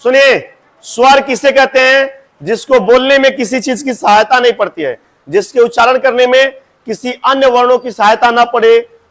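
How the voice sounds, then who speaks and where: A man's voice: extremely high pitch, fairly bright tone. A male teacher, drilling a class on grammar and drawing out vowel sounds.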